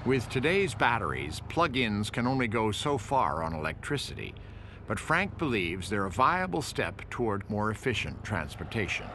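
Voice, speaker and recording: Male narrator, lowish voice, lively intonation, scripted documentary read. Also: background noise. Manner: measured, informative.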